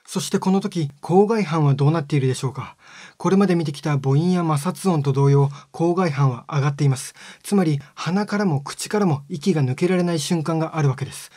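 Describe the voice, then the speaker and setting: A man giving a scripted lesson on speech sounds, explaining step by step in a calm, polite way. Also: on the high side, brisk, no echo, clean studio sound. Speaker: phonetics teacher.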